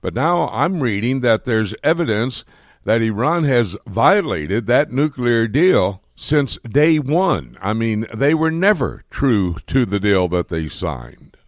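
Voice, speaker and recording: A man's voice: medium pitch, big pitch swings, takes it slowly, no room sound, clean studio sound. A man hosting a radio talk show, speaking in an assured, conversational way. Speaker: radio host.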